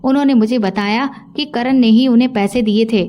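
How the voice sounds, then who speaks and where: A woman reading a scripted first-person story aloud as its narrator, with a steady, even storytelling delivery. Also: on the high side, fairly quick.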